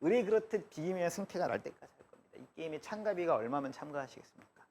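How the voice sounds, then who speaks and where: A man's voice: a little high, expressive, fast, darkish tone, a little hiss or hum. A man teaching math in a live classroom lecture, chatty and joking, drifting between asides and explanation. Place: lecture room.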